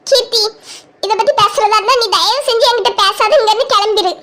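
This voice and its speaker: A woman's voice: extremely high pitch, fairly quick, fairly bright tone. A woman voicing a stubborn, lovestruck teenage girl in a cartoon who talks earnestly and pleads. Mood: defiant.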